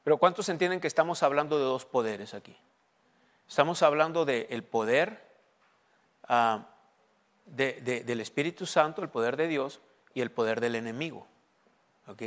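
A male pastor preaching in a church hall, quizzing the congregation as he goes and slipping between Spanish and English. His voice sits at an everyday middle pitch and carries a long, lingering reverb from the room. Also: normal speed, pauses often, fairly bright tone. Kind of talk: sermon.

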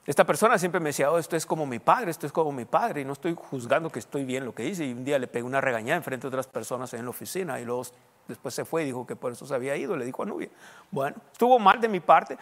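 A man's voice: mid-range voice, expressive, very fast, a bit bright. A man, a pastor preaching in a conversational way that rises to emphatic questions. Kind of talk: sermon. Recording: long hall reverb.

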